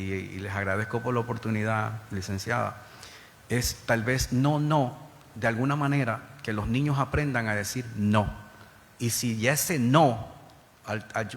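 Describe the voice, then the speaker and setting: Halting middle-aged man testifying in a reverberant hall. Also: medium pitch, slight background noise. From New York, Bronx. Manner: earnest, halting, with many repeated starts. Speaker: former federal special agent testifying to a panel. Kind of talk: public testimony. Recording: hall reverb with faint ambience.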